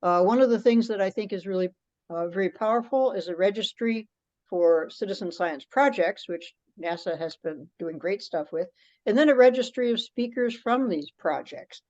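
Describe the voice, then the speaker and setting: This is a woman speaking at normal speed in a medium-pitched, slightly mellow voice, giving a conversational, explanatory presentation on a teleconference call. The recording is dull, lo-fi conference audio.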